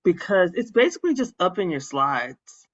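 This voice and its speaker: A woman's voice: on the low side, very animated, normal speed. Upbeat woman librarian, muffled call audio. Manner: explains tools step by step, upbeat. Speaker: school librarian and podcaster. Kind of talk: casual webinar chat.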